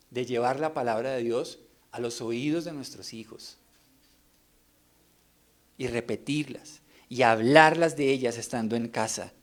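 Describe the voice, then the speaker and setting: A middle-aged man preaching an earnest sermon, pressing the congregation with rhetorical questions. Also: mid-range voice.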